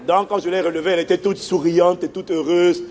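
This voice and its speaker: A man preaching a sermon as a pastor, telling a story in an animated way and acting out the people in it. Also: high voice, brisk, slight background noise. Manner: animated storytelling, acts out the people in his stories.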